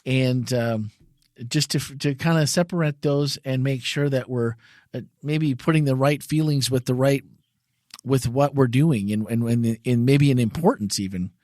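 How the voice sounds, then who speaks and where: A man's voice: medium pitch, normal speed, darkish tone, no room sound, studio quality. A man hosting a church podcast, chatting casually, laughing often and restarting his sentences. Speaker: podcast host.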